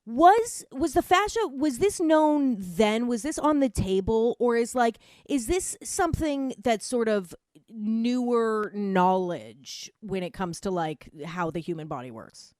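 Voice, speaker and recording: A woman's voice: fairly high pitch, expressive, unhurried, a little mellow, no echo, studio quality. A woman hosting a radio interview, asking questions in a chatty way and thinking aloud. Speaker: radio show host.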